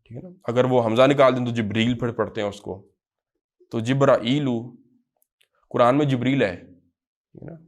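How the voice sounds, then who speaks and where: A man with a Pakistani accent gives a classroom grammar lecture at a middle pitch. He drags out the words he is teaching, says them again, and then rushes through short explanations. He keeps checking that the class understands. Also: steady tone. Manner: drills words slowly, then explains in quick asides; repeats phrases and checks understanding. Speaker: Arabic teacher.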